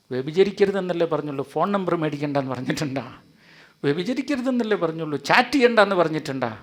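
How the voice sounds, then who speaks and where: A man voicing a sly male serpent who goads and tempts with repeated wheedling questions. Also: a little high. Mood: sly coaxing.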